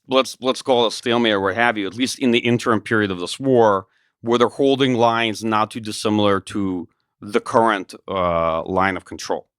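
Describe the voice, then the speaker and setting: Male analyst, slightly low voice, measured and hedging, dry recording. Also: fairly bright tone, dry recording. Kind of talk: analytical talk.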